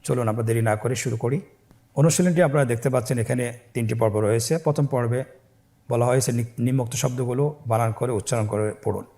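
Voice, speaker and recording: A man teaching Quran reading, spelling out syllables slowly in a call-and-response lesson for students to repeat. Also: mid-range voice, dark tone. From Bangladesh. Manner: slow, drawn-out spelling of syllables for repetition.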